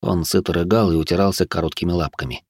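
A man narrating an audiobook in an even storytelling manner. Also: low-pitched, fast, husky, dry recording, studio quality. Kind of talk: scripted narration.

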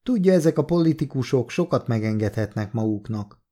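A man's voice: medium pitch, lively intonation, mellow, lightly acted. A man reading the part of a talkative older woman who rambles and gossips freely, in an audiobook. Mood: chatty. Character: chatty older woman, a mother, boastful then wary.

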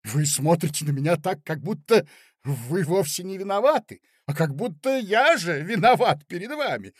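A hot-headed young gentleman, played by a male narrator bursts out in loud, raised indignation. He drags his words out slowly as he shouts. It is a dry, close audiobook reading. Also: high-pitched, breathy edge, no echo, voice pushed up, full character voice. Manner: shouting, indignant, drawn-out outbursts.

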